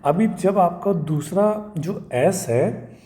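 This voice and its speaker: A man's voice: high voice, expressive, drawn-out words, dark tone. A man teaching English pronunciation in a casual video lesson, repeating sounds and checking in often with "okay" and "right".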